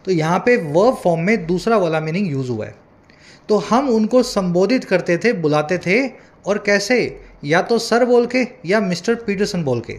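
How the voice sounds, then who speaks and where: Male tutor with a high voice. Chatty explainer who reads lines out slowly. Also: expressive. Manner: explains with many asides and checks like "है ना". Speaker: English tutor. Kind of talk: Hindi-English newspaper reading lesson.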